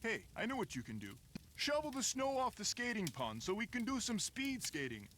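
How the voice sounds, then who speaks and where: A boastful Canadian construction worker. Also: male voice, high-pitched, wildly swooping pitch, normal speed, a bit bright, slight background noise, heavily acted. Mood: gruff. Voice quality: boastful, gruff and folksy. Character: folksy middle-aged male construction worker, lodge guest. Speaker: game character.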